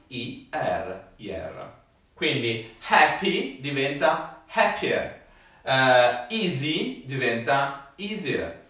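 A male Italian teacher talks through an English grammar lesson at an unhurried, deliberate pace, repeating each rule. His voice comes from some way off the phone mic and rings around a very echoey room. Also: on the high side, fairly bright tone, far from the mic. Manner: chatty, explains slowly and repeats rules. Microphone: phone camera.

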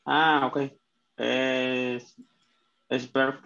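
A Spanish-speaking man learning English, reading sentences aloud in a lesson, hesitant and halting, often restarting words. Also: mid-range voice, level tone, creaky, bright, forceful tone, lo-fi sound. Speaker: student.

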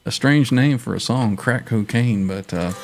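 A man's voice: medium pitch, measured pace, a little mellow, faint music behind. An older man hosting a livestream in casual chat, speaking close to a studio microphone. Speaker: livestream host. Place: home music studio, indoors. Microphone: close studio microphone with headset.

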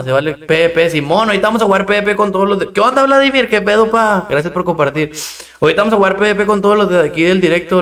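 A man's voice: a little high, fairly bright tone, recorded from a distance. A man with a Mexican accent, streaming a game live, chatting in slang and thanking viewers between rounds.

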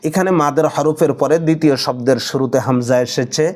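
A man with a Bangladeshi accent teaching tajweed. He explains each rule briskly, then recites the Arabic phrases slowly and drawn out. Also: medium pitch, fairly even intonation, darkish tone. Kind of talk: tajweed lesson alternating explanation and slow recitation.

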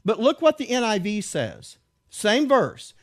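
High, lively-voiced man teaching from slides. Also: unhurried. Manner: emphatic, reads verses aloud and asks rhetorical questions. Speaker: Bible teacher.

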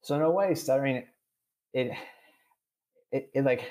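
A young adult man with a pronounced stutter answers a podcast interviewer's questions openly, repeating sounds often and drawing out long runs of "uh." His voice is mellow and medium-pitched at an ordinary speed.

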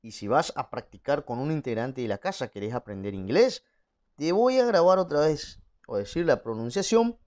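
Lively Paraguayan teacher, animated pitch. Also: male voice. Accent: Paraguayan Spanish. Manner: lively, sounds out English words slowly and translates each into Spanish. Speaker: English teacher. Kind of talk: online English lesson.

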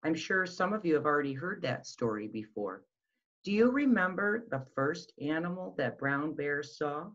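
Reading a picture book to young children indoors in a small room at home, a middle-aged school behavior specialist sounds sing-song and asks lots of questions. Her voice sits low yet fairly bright, with lively intonation at a moderate pace, captured by a webcam mic in dull lo-fi quality.

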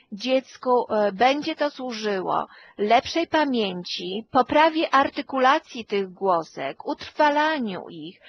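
A woman, a hearing and speech therapist, explaining calmly and at length, with some fillers as she goes. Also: a little high, muffled recording, slight background noise. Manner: slow, measured explanation with fillers. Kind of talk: expert talk to camera.

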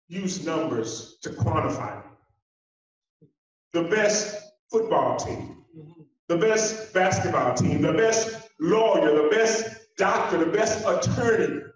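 A high-pitched keynote speaker in his forties delivers a motivational speech, walking the conference hall stage with emphatic, repetitive phrasing and dramatic pauses. His handheld mic is picked up by a distant camera, so the sound is dull and echoey from far off.

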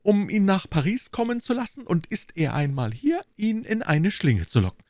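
Ängstlicher Hausbesitzer mit hoher, gepresster Stimme, von einem Mann gelesen. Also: male voice, very animated, moderate pace, a little mellow, dry recording, clean studio sound. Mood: fretful. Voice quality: high, strained voice. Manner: wordy, timid, eager to please. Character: anxious, fussy middle-aged male landlord. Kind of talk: audiobook reading.

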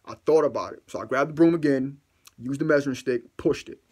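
A young man telling a funny story on camera in a casual, slangy, profane way, acting out his own reactions and jumping into high squeals. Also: fast, breathy edge. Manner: animated, acts out his own reactions with sudden loud squeals; slangy, profane, self-mocking.

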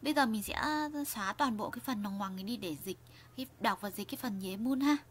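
A woman's voice: mid-range voice, fast, slight background noise. A woman teaching a grammar lesson, often restarting phrases and asking her viewers questions. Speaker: Korean language teacher.

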